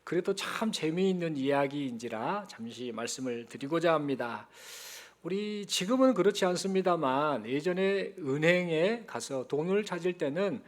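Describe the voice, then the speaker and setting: Brief: a man preaching in church, speaking in a slightly raised register, telling an anecdote to his congregation. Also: a little high. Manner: storytelling, addressing the congregation directly. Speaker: pastor. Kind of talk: Sunday sermon. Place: church sanctuary.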